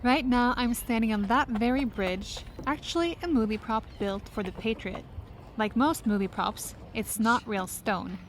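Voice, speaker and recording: A woman narrates a travel vlog in a calm, descriptive voice-over. Her voice is fairly high, with faint background noise behind it. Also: unhurried. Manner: calm, descriptive, gently enthusiastic.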